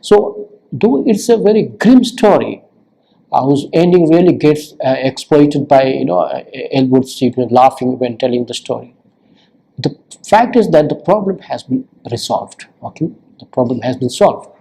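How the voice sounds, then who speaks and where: Gravelly-voiced man lecturing. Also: mid-range voice, expressive, warm tone, slight background noise, poor audio. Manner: explains slowly, with constant "you know" and "uh" fillers; repeats words for emphasis. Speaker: literature lecturer. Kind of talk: recorded university lecture.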